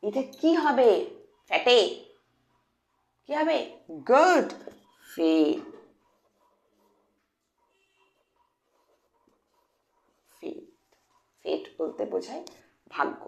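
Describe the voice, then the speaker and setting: A woman's voice: fairly high pitch, big pitch swings, slow, creaky, pauses often. A woman teaching English phonics to children in Bengali with a Bengali accent, patiently repeating key points and asking her pupils questions. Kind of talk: explanatory lesson for children. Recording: echoey room.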